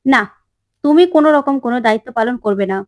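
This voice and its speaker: A woman's voice: a little high, quick pace, a little mellow, dry recording, studio quality, natural voice. A woman reading an angry, stern older father-in-law who scolds curtly. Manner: curt, scolding.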